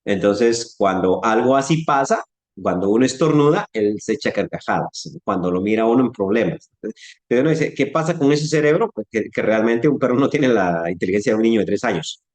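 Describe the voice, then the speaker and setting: A mid-range male voice with lively intonation moves briskly through an informal Bible-class lecture in a reverberant space. He has a Latin American Spanish accent, talks conversationally, asks the audience questions, and acts out speech sounds.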